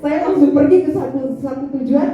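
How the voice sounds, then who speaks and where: A woman's voice: sits high, fast talker. A middle-aged woman pastor giving a chatty, playful sermon in a church, teasing the congregation. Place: large church hall. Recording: echoey hall, distant mic, dull sound with music. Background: music.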